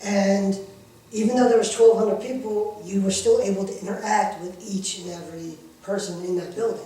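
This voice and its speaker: A man's voice: sits high, steady tone, moderate pace, dark tone. A man chatting casually and informally in an interview, promoting a wrestling show, with frequent filler phrases. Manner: talkative, informal, repeatedly saying "you know". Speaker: independent wrestling worker being interviewed. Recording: very echoey room, distant mic.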